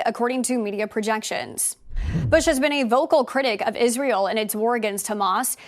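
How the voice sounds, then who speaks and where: A woman presenting news headlines as scripted narration. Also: on the high side.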